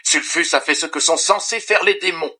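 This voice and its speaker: A woman's voice: deep voice, brisk, sharp tone. An actress voicing a strict female mentor in a dubbed cartoon, scolding firmly. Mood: stern. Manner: scolding, firm.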